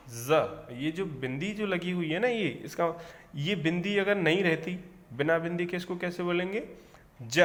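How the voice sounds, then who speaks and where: A man teaching a phonics lesson at a very slow, careful pace, with a voice that sits a little high. He says each letter sound again and again and keeps asking "okay". The recording carries a long, echoing reverb. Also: fairly bright tone.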